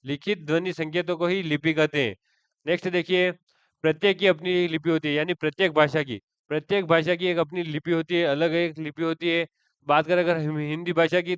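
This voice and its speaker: A man's voice: fairly high pitch, clean tone, no echo, muffled recording. A man giving an exam-prep lecture, repeating key terms and asking and answering his own questions. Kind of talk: online lecture.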